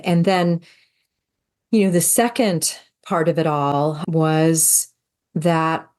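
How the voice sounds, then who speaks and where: A woman's voice: sits low, steady tone, takes it slowly, a little mellow. A middle-aged woman co-hosting a podcast, telling her account in an earnest, storytelling way. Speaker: podcast co-host. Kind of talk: conversational podcast discussion.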